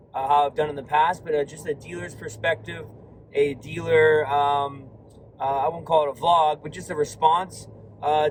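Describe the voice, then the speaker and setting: A hoarse man who has lost his voice, a card shop owner rambling through a casual vlog while driving, with many fillers and restarts. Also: on the high side, low-quality recording. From Florida. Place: inside a moving car. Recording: faint car road noise.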